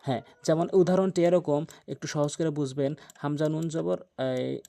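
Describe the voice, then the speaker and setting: A man's voice: a little high, vocal fry, warm tone. Patient man teaching Quran pronunciation. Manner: patient, repeats points and urges attention, with frequent hesitation fillers; slow, drawn-out chanting when sounding out syllables. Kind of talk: tajweed lesson with spelled-out examples.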